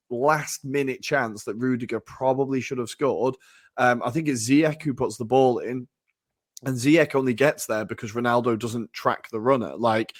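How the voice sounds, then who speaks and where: A man co-hosting a football podcast, talking in an animated way, laughing and swearing now and then. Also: mid-range voice, no echo, clean studio sound. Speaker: podcast co-host. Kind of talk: casual football analysis.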